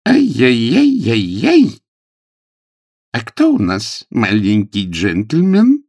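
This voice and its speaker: A man reading aloud, voicing a stern elderly nanny who scolds slowly and firmly. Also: mid-range voice, huge pitch swings, creaky, a little mellow, pitched above the performer's own voice, exaggerated voice. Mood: scolding. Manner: strict, scolding, drawn out. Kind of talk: audiobook character voice.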